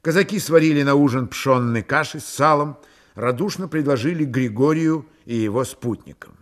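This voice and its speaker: A man narrating a literary audiobook in a calm, measured, unhurried way. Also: mid-range voice.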